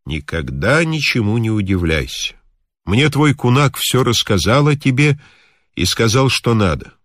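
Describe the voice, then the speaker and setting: In a story, a man voices a kindly, talkative old mountain healer, speaking in a calm, instructive, measured manner with a calm, reassuring mood. His pitch is medium, and the clean studio sound has no echo.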